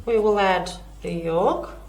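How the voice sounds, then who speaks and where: A woman's voice: mid-range voice, takes it slowly, a little mellow, reverberant, slight background noise. A woman hosting a home cooking lesson, chatty, with many fillers and self-corrections. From Greece. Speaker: cooking show host.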